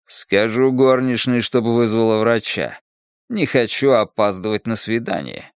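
A man's voice: medium pitch, unhurried, clear, resonant tone, no room sound, studio quality, natural voice. Cold cruel husband, read by a man. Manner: cold, indifferent. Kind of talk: audiobook character voice.

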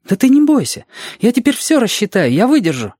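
A reader voicing Reshka, an eager, anxious boy guide, in a high, pleading, restless voice in an audiobook. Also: wildly swooping pitch, fairly quick, darkish tone, no echo, studio quality. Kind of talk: audiobook reading.

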